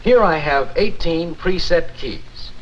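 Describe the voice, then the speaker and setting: A confident, courteous man, a church organist in a 1950s promotional film. He instructs like a 1950s narrator, formal and measured, with widely moving intonation. The old soundtrack is dull, with faint noise. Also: a little high, expressive. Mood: instructive, assured. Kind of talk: 1950s promotional film acting, scripted demonstration.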